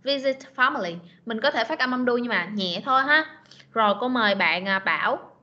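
A woman teaching an online class, patiently repeating words slowly to model pronunciation. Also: on the high side, lively intonation, sharp tone. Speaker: English teacher. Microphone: video call. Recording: lo-fi video meeting recording.

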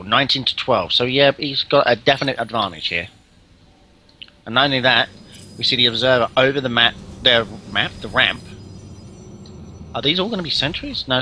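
A man casting a live video game match, getting excited at big plays. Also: medium pitch, a little hiss or hum. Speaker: esports caster.

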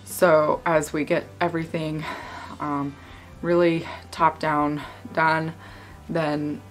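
Woman, 30s, casual renovation vlogger, low even voice, chatty. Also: takes it slowly. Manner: chatty, upbeat, thinking aloud with fillers. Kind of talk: casual chat to camera. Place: attic room under renovation, indoors. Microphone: handheld camera held close.

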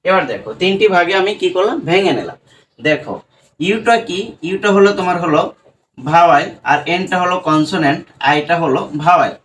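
A man's voice: high voice, animated, fairly quick, fairly bright tone. Bangladeshi man teaching English letter by letter. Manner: patient, drills spellings letter by letter, asks and answers his own questions. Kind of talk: spoken lesson to students. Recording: distant mic with faint background hiss.

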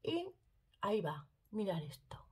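A woman's voice: medium pitch, big pitch swings, a little slow, darkish tone, breathy edge. A woman chatting casually through a makeup tutorial, talking straight to her viewers and using lots of diminutives. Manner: chatty, addresses viewers directly, fond of diminutives. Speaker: makeup vlogger.

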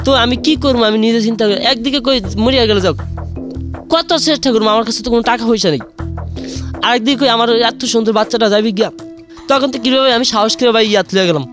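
Fast-talking high-voiced man. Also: over music. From Bangladesh. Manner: rambling, keeps saying "brother". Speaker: caller sharing a confession. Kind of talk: emotional personal storytelling on radio.

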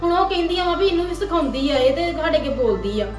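A woman's voice: very high-pitched, lively intonation, fast, soft background music. A young woman playing an exasperated mother scolding her daughter, in a family web drama. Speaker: mother of the girl. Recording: echoey room, from a distance.

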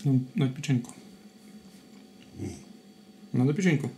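A man's voice: medium pitch, measured pace, dark tone. A man chatting casually to his pet as its owner, recorded on a camera in a small kitchen. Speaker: dog owner. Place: small home kitchen, indoors. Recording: noisy, clicky home camera audio.

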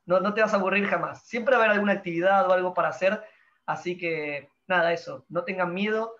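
Young guy, high voice, heartfelt, a bit muffled like a call. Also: fast talker. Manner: warm, heartfelt, trailing off at the end. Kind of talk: casual testimony on a video call.

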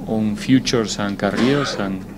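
This man's voice sits on the low side as he answers press conference questions in his role as a football head coach, with noise in the background. He takes his time, speaking deliberately and pausing often to find the right words.

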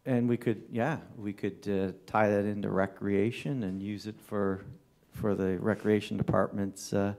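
A man delivering a town councillor's report at a council meeting, halting often with fillers and restarts. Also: fairly low pitch, level tone, gravelly, a little mellow. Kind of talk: formal council report with ad-libbed remarks. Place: council chamber.

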